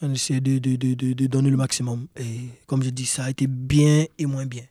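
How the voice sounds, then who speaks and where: A man's voice: mid-range voice, little pitch movement, a little fast, mellow, dry recording, faint music behind. A young man, a professional soccer player, talking casually in an interview and repeating his key points earnestly. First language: not English. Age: young adult. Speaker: guest, pro soccer player.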